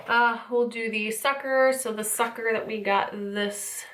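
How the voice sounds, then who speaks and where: An American woman who hosts an unboxing channel chats casually while reviewing a product, her voice wheezy, congested, and out of breath. She speaks a little high and a little slow, with a steady, slightly bright tone. The recording has a roomy echo and clearly audible background noise.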